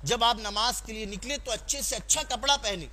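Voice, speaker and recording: A man's voice: very high voice, pushed and bright. A man preaching a sermon to a congregation, exhorting them, asking them questions and calling for responses, and mixing in personal stories. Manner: exhorting, asks the audience questions and calls for responses; tells personal anecdotes in a conversational tone.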